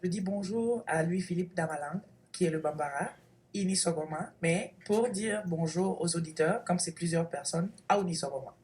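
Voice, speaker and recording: Measured woman from Mali. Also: on the low side, a little mellow, slight background noise, poor audio.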